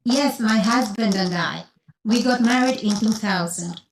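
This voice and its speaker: A woman's voice: medium pitch, measured pace, slight background noise, natural voice, low-quality recording. An actress playing an interviewed female orphanage founder in a scripted course-audio recording, reading her answers evenly and carefully. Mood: calm.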